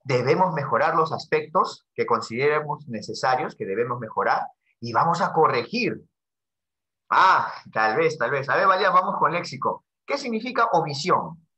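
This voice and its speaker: A man's voice: on the high side, expressive, normal speed, pushed and bright. A man with a Peruvian accent teaching a casual lesson, joking with a student and tagging his sentences with little questions. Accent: Peruvian Spanish. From Peru. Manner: chatty, jokey, peppers lines with tag questions. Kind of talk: casual classroom lesson dialogue. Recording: dull lo-fi audio.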